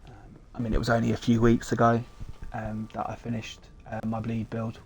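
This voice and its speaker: A man streaming a game, rambling through relaxed commentary with many fillers. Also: mid-range voice, fairly quick, a little hiss or hum. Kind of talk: casual gameplay commentary.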